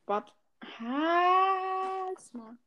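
A woman's voice: extremely high pitch, animated, extremely slow, dull audio, a little hiss or hum. A young woman in casual chat, giggly and teasing, rambling freely with a friend. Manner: giggly, teasing, sings playfully. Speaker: podcast co-host.

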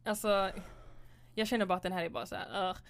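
A woman's voice: medium pitch, fairly even intonation, smooth. A woman co-hosting a casual chat, blunt and frank, mixing in English slang. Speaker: podcast co-host.

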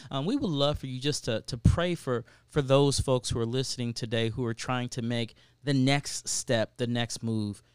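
A man's voice: mid-range voice, moderate pace, few pauses, clear, resonant tone, no echo. A man co-hosting a podcast in casual, enthusiastic chat, emphatic and repetitive, often checking in with "right?".

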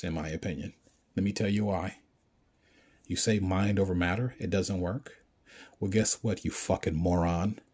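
Gruff, dark-voiced man ranting profanely. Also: low-pitched. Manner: profane, confrontational, insulting the listener. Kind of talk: ranting monologue.

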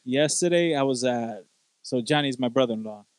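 A man's voice: mid-range voice, moderate pace, clean tone, no echo. A man in his thirties hosts a casual chat, joking and slipping into Spanish. His voice sits in the middle range. The recording is dry and close. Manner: jokey, does comic voices, switches to Spanish. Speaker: podcast host.

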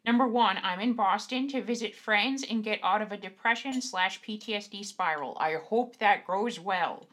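A woman's voice: medium pitch, moderate pace, few pauses, fairly bright tone. A woman co-hosting a podcast, chatting casually and offering supportive, encouraging words. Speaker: podcast co-host. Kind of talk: casual chat.

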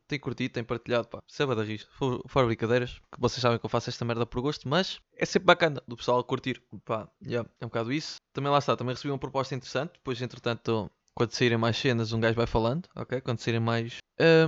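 A man's voice: mid-range voice, no room sound, dull audio. A man with a Lisbon Portuguese accent hosting his own podcast from his bedroom, rambling and joking with lots of slang and swearing. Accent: European Portuguese, Lisbon slang. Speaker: podcast host. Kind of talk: casual solo podcast rant. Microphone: studio mic, sometimes off-axis.

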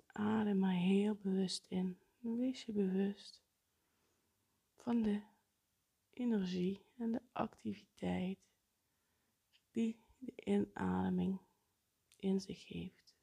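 Woman, meditation guide, slow, soft half-whisper, husky, gravelly. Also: medium pitch, steady tone.

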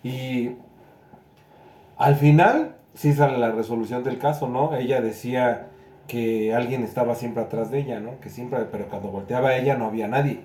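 Man with a dark voice. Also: medium pitch, normal speed, roomy sound. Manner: retells stories, tags sentences with "¿no?". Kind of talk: casual chat.

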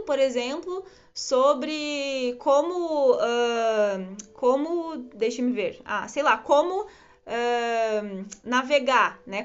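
High-voiced woman giving earnest spiritual talk. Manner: earnest, repeats phrases, many tag questions. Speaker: spiritual teacher. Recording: slightly dull lo-fi sound.

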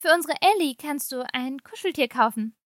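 A woman's voice: high voice, brisk, dry recording, clean studio sound. A woman reading as a harried, strained mother. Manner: strained, trying to stay calm. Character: stressed, harried young mother. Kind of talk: audiobook reading of a short story.

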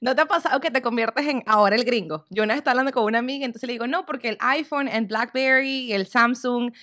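A Venezuelan woman in her late twenties talks quickly in casual chat. Her voice sits a touch high, her accent is clear, and she tells her stories in a bright, lively way. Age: late 20s. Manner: fast, lively, laughing storyteller.

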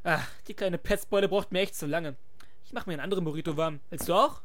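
A woman's voice: fairly low pitch, fast talker. A woman voicing a whiny, lazy, rude man in a comedy dub parody, who is bossy and petulant.

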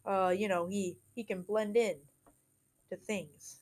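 A woman's voice: mid-range voice, steady tone, slow pace, a little mellow. A woman hosting a casual movie podcast, leading the talk, reading out ratings and laughing often. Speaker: podcast host. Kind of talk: casual chat about a movie.

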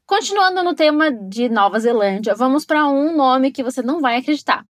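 Brisk and high-voiced with lively intonation, this Brazilian-accented woman hosts an educational podcast and teaches English. She narrates from a script, explaining enthusiastically and addressing asides to the listener. The sound is clean studio quality with no room sound.

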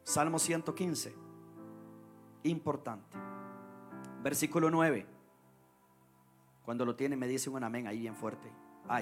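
A man preaching a fervent sermon as pastor, calling on the congregation to repeat after him and rising loud as he reads scripture. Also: mid-range voice. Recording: soft guitar music behind.

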